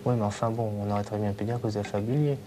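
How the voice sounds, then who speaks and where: A man's voice: lowish voice, steady tone, racing, crowd noise. A male interviewer putting informal, probing questions, secretly recorded on a hidden mic.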